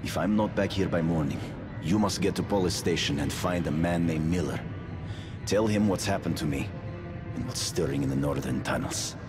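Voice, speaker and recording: A man's voice: low-pitched, moderate pace, over music, lightly acted. An actor playing a tough, grizzled male hunter who gives terse, commanding orders in a video game.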